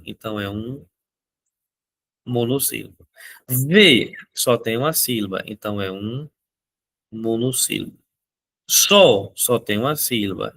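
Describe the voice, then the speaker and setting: Energetic male teacher. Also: medium pitch, gravelly. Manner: energetic, repeats key points, asks viewers questions. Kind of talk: exam-prep lesson.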